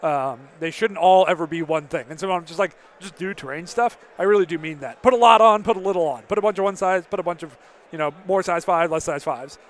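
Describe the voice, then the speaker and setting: A man with a fairly high voice chats through a live tournament stream, reading out viewer questions and answering them in a loose, filler-heavy way. His voice sounds a bit worn, like he is starting to lose it. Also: fast talker. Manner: chatty, answers chat questions, frequent fillers. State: slightly losing his voice. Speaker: tournament commentator. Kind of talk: casual live-stream commentary.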